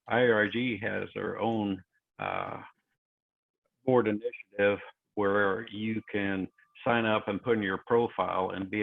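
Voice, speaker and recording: A man moderating an online session, talking haltingly with many fillers over a crackly phone-like line that fades in and out. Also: on the low side, vocal fry. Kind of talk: presenting talk on a virtual call. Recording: tinny phone-like call audio.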